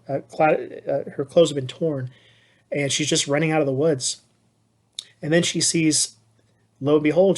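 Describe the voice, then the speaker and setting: A man's voice: on the high side, darkish tone. A male teacher retelling a myth to his class in a loose, conversational way, full of fillers and restarts. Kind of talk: casual storytelling lesson.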